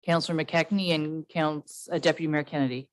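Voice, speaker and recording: A woman chairing a council meeting as mayor, brisk and informal, with filler words. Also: sits low, fairly even intonation, no room sound.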